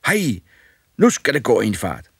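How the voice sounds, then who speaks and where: A cheeky boy who cannot feel fear, as a man reads him, pitched far above the reader's own voice, brash and eager. The delivery is dry and close, with no room sound. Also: expressive, fairly bright tone, no echo. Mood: cheerful. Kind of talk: audiobook fairy tale reading.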